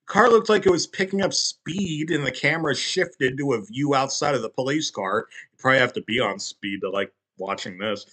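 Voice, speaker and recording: A man's voice: medium pitch, normal speed, hardly any pauses, sharp tone. A man narrating a parody creepypasta with crude, sarcastic, profane asides.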